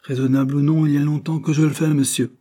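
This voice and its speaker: A man voicing an embittered, worn-out male laborer who complains loudly and resentfully. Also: on the high side, little pitch movement, quick pace, pitched above the performer's own voice, lightly acted. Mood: resentful complaint. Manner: aggrieved and loud.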